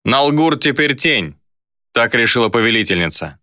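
A man's voice: mid-range voice, a little fast, sharp tone, no room sound, clean studio sound, voice pushed up, natural voice. A man voicing a stern male leader of a band of shadows, speaking with barked authority. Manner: barking, authoritative.

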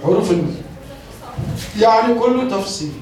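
A man's voice: high-pitched, lively intonation, fairly quick, a little mellow. A man with an Egyptian Arabic accent teaching a class on reading instruction, explaining step by step and answering his own questions. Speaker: teacher trainer. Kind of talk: lecture on teaching children to read. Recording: very echoey room, mic far off.

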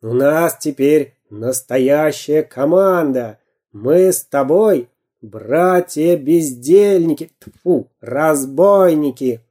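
A storyteller voicing a boastful, gruff pirate captain in a storybook reading, blustering and barking. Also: medium pitch, lively intonation, slow, dark tone.

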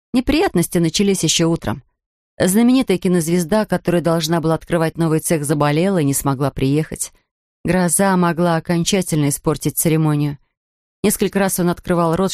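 Female audiobook narrator, lower register, clear and even storytelling, dry studio sound. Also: no echo. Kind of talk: audiobook reading.

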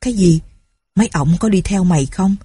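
A woman voicing a stern, suspicious older male village chief who talks in gruff threats. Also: fairly low pitch, fairly quick, warm tone.

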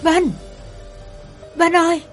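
Woman voicing a frantic young husband yelling. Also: very high voice, flat delivery, takes it slowly, soft background music, voice pushed up. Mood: frantic shouting. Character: young husband desperately shouting for help.

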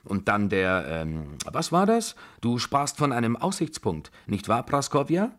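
A man's voice: medium pitch, sing-song, measured pace, pitched above the performer's own voice. A man reading aloud and voicing a domineering 75-year-old grandmother who scolds and gives orders. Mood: commanding. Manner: bossy, scolding, loud and commanding. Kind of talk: radio drama reading.

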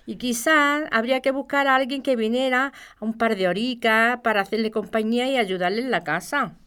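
An actress with a Spanish accent voices a caring but exasperated working woman for an audio fiction podcast, speaking in a colloquial, expressive way. Her fairly high voice is clean and sharp, moving a little fast, and she sounds concerned and placating.

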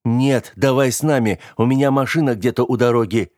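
A man's voice: medium pitch, fairly quick, a little mellow, no room sound, clean studio sound, voice pushed up, close to an everyday voice. A man voicing a young man who protests and pleads with his friend not to stay behind. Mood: alarmed pleading. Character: young man, alarmed pleading narrator-hero.

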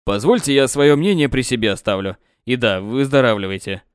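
A man voicing a calm, composed male boss with a dry humor. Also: medium pitch, fairly quick, clear, resonant tone, no echo, natural voice.

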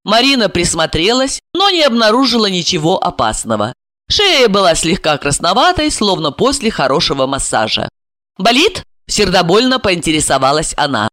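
Expressive audiobook narrator with a dry sound. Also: mid-range voice, normal speed, no room sound. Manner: expressive storytelling reading. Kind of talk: scripted narration.

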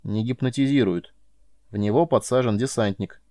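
A man reading an audiobook voices a calm, patient male alien mentor who speaks in a dry, measured way. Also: fairly low pitch, dry recording, close to an everyday voice.

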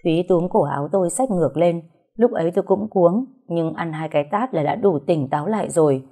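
Low, mellow woman narrating a story. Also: fairly quick. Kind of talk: first-person audio story narration.

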